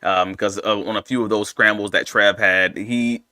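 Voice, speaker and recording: A man's voice: lowish voice, fairly even intonation, normal speed, bright, forceful tone, clean tone, no room sound, clean studio sound. A young man co-hosting a casual sports podcast, ranting animatedly and arguing back and forth with himself. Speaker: podcast co-host.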